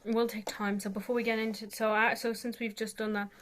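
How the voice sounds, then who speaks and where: A woman's voice: fairly high pitch, level tone, fast talker, a bit bright, slight background noise. A woman giving a casual, rambling tutorial as an amateur vocalist, hesitant and self-deprecating, saying "like" very often.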